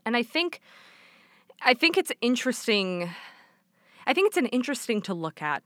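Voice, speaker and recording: A woman's voice: a little high, big pitch swings, moderate pace, a bit bright, no room sound, studio quality. A young woman hosting a casual solo podcast, rambling and breaking off her own sentences, often laughing at herself. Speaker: podcast host.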